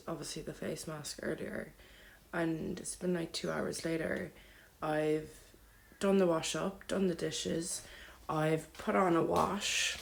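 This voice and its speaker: A young woman rambles through a casual vlog, stringing thoughts together with lots of "like" and "um". Her low voice is heavily gravelly and hoarse, congested and at times slipping into a whisper. A faint hiss sits under the recording. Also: poor audio. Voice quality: gravelly, sometimes dropping to a whisper. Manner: rambling, peppered with "like" and "um". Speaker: vlogger. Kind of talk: chatty vlog monologue. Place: at home and in her car.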